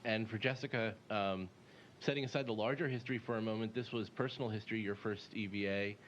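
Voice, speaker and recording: A man working as a reporter, putting formal, halting questions at a press conference. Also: lowish voice, steady tone. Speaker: space news reporter. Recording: dull, slightly noisy feed.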